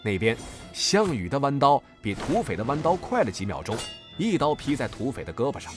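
Man, storytelling narration, dramatic, lively pitch, faint music behind. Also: fairly quick. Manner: dramatic, rising for action scenes.

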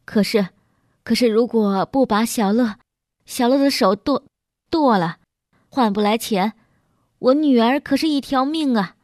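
A woman voicing a worried older man in a storybook reading, speaking softly and haltingly with stammers. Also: a little high, no echo, studio quality, natural voice. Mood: pleading.

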